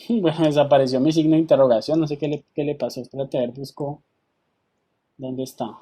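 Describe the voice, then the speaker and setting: A man leads an online design class, walking through each step with unhurried patience. His voice is mellow and warm. He keeps asking his students over the call whether they are following. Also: on the high side, steady tone. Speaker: teacher.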